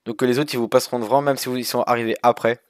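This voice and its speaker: A man's voice: mid-range voice, steady tone, very fast, no echo, studio quality. A man casually narrating a walkthrough of a sailing game over his screen, rambling with many fillers and restarts. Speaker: gaming youtuber.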